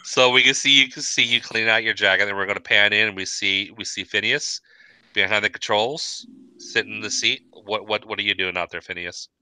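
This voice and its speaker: Bright-voiced male game master. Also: on the low side, fairly quick, smooth, no echo. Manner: cinematic scene-setting, repeats words. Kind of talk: narrating a tabletop game.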